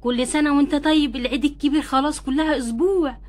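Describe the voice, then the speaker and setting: A tender but bossy young wife doll, played by a woman who coaxes and nudges in an Egyptian Arabic accent. Her high voice races along at a breakneck clip in a homemade doll-play story. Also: steady tone, fast talker, darkish tone, natural voice. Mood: cheerful.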